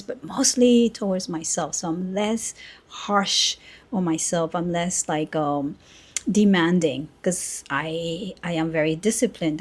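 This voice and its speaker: A woman's voice: low voice, slightly rough. A woman in her sixties talking through a rambling, self-mocking personal monologue with sarcastic asides. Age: 60s. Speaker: artist and podcaster. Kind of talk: casual reflective monologue.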